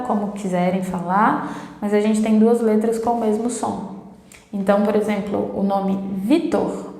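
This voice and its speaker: A Brazilian woman, a native Portuguese speaker, giving a casual Spanish lesson in a chatty way, often repeating herself and slowing down to demonstrate sounds. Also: mid-range voice, darkish tone. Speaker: Spanish teacher. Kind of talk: casual online language lesson. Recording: echoey room with long reverb.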